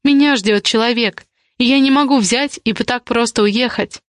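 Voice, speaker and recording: A woman reading the lines of a defiant young woman, an indignant ward who argues with rapid questions. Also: on the high side, no echo, studio quality, lightly acted. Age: young adult.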